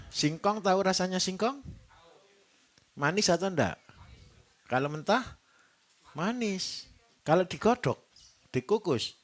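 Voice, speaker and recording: Lively Javanese man quizzing his audience. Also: a little high. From Java. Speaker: livestock trainer. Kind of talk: seminar talk to a live audience.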